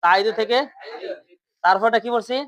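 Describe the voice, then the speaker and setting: A man's voice: high-pitched, fairly even intonation, moderate pace, a bit bright, dry recording. A man teaching grammar in class, repeating points and quizzing his students questions.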